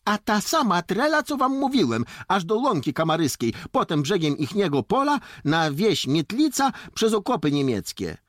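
A man narrating an audiobook voices an excitable young peasant lad who stammers when angry. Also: high-pitched, moderate pace, few pauses, dry recording, clean studio sound, pitched above the performer's own voice. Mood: eager.

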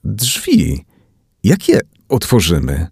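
A man voicing a frightened woman trapped in a taxi, shouting and pleading in panic. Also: on the low side, huge pitch swings, very slow, breathy edge, dry recording, clean studio sound, full character voice. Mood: panicked.

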